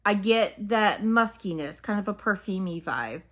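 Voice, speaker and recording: Here the same home fragrance reviewer talks through her wax melts in an expressive, unhurried mid-range voice. She chats and muses casually as she describes each scent, unscripted.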